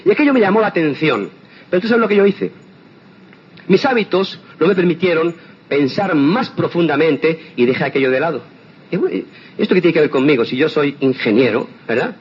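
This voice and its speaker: A man's voice: fairly high pitch, lively intonation, brisk, slightly rough. An older man from Spain speaking earnestly to an audience, giving a personal testimonial with rhetorical questions. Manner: earnest, addresses listeners directly with rhetorical questions. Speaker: motivational speaker. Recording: dull lo-fi sound with faint noise.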